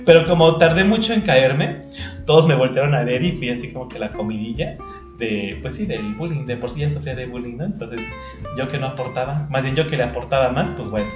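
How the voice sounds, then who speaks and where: A man's voice: mid-range voice, a little fast, dull audio. Male podcast co-host, giggly storyteller, echoey room with faint music. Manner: laughs often while telling stories. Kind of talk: casual chat.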